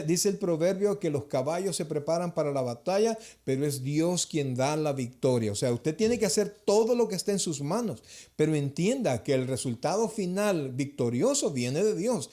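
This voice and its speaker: A man's voice: a little high, dark tone. A male pastor preaching a sermon in a church, urging his listeners directly.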